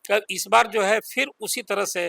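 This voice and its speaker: A man giving political analysis as a senior journalist on a panel, explaining slowly with pauses. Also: high-pitched, fairly even intonation, vocal fry, bright, forceful tone, dry recording. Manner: deliberate, explanatory, with pauses and fillers.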